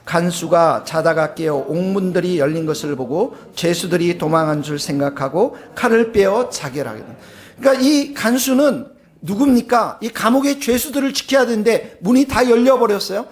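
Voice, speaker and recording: A pastor giving a sermon who keeps asking the congregation questions, swinging between loud bursts and sudden hushed, breathy emphasis. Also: medium pitch. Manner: asks the congregation rhetorical questions.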